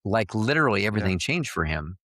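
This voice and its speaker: Man, very low voice, reflective, earnest, dry close mic. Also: sing-song, fast, fairly bright tone, no echo. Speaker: podcast guest, marketing coach. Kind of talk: casual interview chat.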